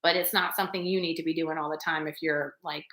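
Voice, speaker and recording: A woman's voice: low-pitched, fairly even intonation, quick pace, fairly bright tone, reverberant. A woman hosting a casual live chat, laughing often and talking straight to her viewers. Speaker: livestream host reading chat.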